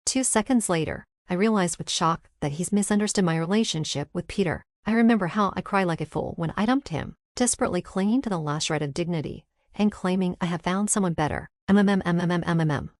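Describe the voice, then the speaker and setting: A woman's voice: on the low side, fast talker, few pauses, no echo. A woman narrating a first-person romance story in a wry, irritated tone.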